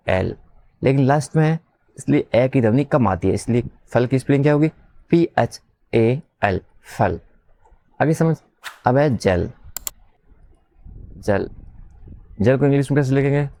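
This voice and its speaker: A man teaching beginners to spell, slowly repeating sounds and letters and asking his listeners questions back. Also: medium pitch, vocal fry, a little mellow, dry recording. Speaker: English teacher. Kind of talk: slow spelling lesson for beginners.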